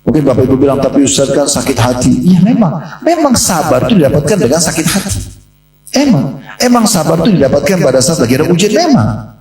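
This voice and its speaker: Fast-talking male preacher in echoey hall. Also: a little high. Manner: lively storytelling, addresses audience directly. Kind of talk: religious lecture to a congregation. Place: mosque hall. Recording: very echoey hall, mic at a distance.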